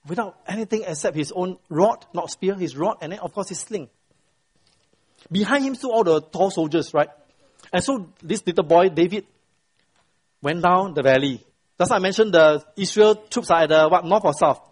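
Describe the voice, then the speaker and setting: Middle-aged male Bible teacher with a high, slightly raspy voice. He keeps quizzing the class. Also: moderate pace. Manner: quizzes the class, constant "right?" tag questions; retells the story with lively voiced quotes. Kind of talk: interactive Bible lesson to a class.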